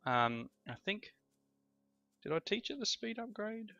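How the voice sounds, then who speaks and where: A high-sitting, sing-song male voice with vocal fry sounds bright and forceful, at a measured pace and with no room sound. He's a let's play host coming down with a cold, rambling and self-correcting through casual gameplay commentary. Faint music plays under a slightly dull lo-fi recording.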